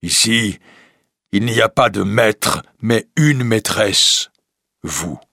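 A kind, sorrowful storybook beast, as a man reads him aloud. He speaks in slow, earnest phrases, with a husky grain and a lively rise and fall. The sound is close and dry. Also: lowish voice, dry recording, heavily acted. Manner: slow, earnest, pleading delivery. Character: gentle lonely male beast, sad and kind.

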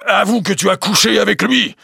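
A man's voice: medium pitch, unhurried, fairly bright tone, dry recording, clean studio sound, pitched above the performer's own voice, lightly acted. A man reading the part of a jealous railway husband in a storybook reading, with harsh, commanding outbursts. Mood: furious. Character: jealous, violent husband, a railway deputy stationmaster.

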